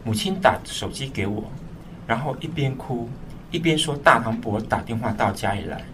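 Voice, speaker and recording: In a scripted radio drama, a man plays a troubled, dutiful eldest son weighed down by his burdens, telling his own story with solemn earnestness. His voice is medium-pitched and expressive, lightly acted, at a moderate pace. The recording is noisy, with music underneath and a slightly distant mic.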